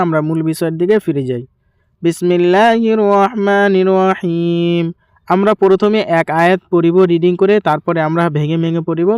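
A man teaching Quran recitation, spelling out letters and vowel marks, then chanting each verse slowly with long drawn vowels. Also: on the high side, darkish tone, smooth, dry recording, clean studio sound. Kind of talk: step-by-step recitation lesson.

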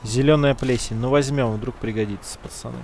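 Speaking at a medium pitch with fairly even intonation and a darkish tone, this man provides casual let's play commentary. He talks slang to his "guys," mutters to himself, and drifts into drawn-out musings as he plays.

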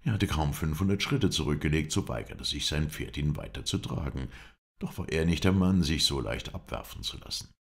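A man narrates an audiobook in a very deep, gravelly voice. His delivery is measured and expressive, with lots of movement in pitch. He reads a first-person adventure story. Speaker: audiobook reader.

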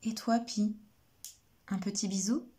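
A woman voicing a sad little hedgehog in a storybook, pleading softly. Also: medium pitch, fairly even intonation, a little slow, close to an everyday voice. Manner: pleading, soft.

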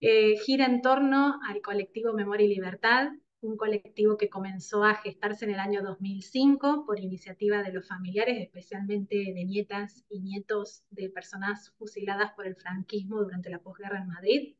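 A woman in her thirties with an Argentine accent from Córdoba, giving a formal seminar presentation from home over a video call, measured, with frequent "eh" pauses. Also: medium pitch, fairly even intonation. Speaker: seminar speaker. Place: home room with plants, indoors. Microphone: laptop webcam on a video call. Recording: muffled video call audio.

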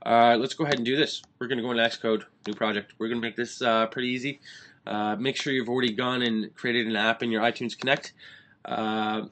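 A young man at his computer walks through a coding tutorial in a quick, filler-packed way, every other phrase starting with "uh." His voice sits at an ordinary middle pitch. Faint noise and keyboard clicks sit behind him. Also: fairly even intonation, fairly bright tone. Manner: fast, filler-heavy explaining with many "uh"s. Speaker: app developer tutorial host. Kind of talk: screen-recorded coding tutorial.

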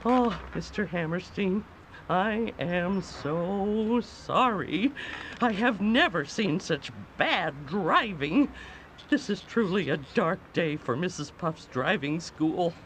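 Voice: medium pitch, animated, fairly bright tone, a little hiss or hum. A performer voicing a nervous female pufferfish driving teacher in a game. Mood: fretful. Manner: slow, fretful apologizing.

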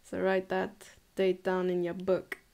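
Chatty young woman, slightly gravelly voice. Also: on the low side, monotone, unhurried, darkish tone. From South Africa. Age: 20s. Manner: chatty, enthusiastic, laughs and muses aloud. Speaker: chess coach. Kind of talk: live-streamed chess lesson. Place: home room, indoors.

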